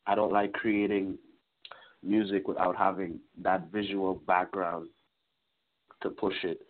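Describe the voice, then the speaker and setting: A young man in his twenties from Trinidad and Tobago, talking casually as a musician guest in an interview, relaxed and rambling. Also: deep voice, slow pace. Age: 20s. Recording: tinny phone-like line.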